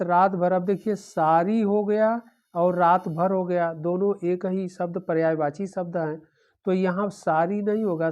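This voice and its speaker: A woman's voice: lowish voice, a little mellow, lo-fi sound. A woman teaching an exam-prep lesson, going through the answer options one by one and repeating them, with a frequent "okay".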